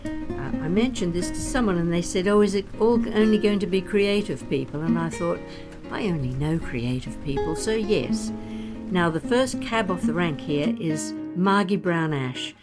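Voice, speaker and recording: Over music, a woman in her seventies with an Australian accent hosts a podcast interview, her voice on the low side and her pace normal. She is chatty, laughs easily and drifts into rambling asides.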